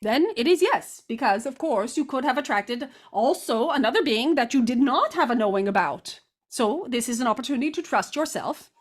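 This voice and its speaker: A woman channeling guidance like a seance medium, with formal, deliberate, stilted phrasing. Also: a little high. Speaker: trance channeler giving guidance.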